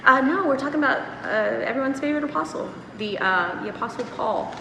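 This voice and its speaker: A woman's voice: high-pitched, expressive, quick pace, noisy background. A woman co-hosting a satirical comedy chat, talking in a sarcastic, mock-sincere way. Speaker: podcast co-host. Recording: roomy reverb with loud music behind.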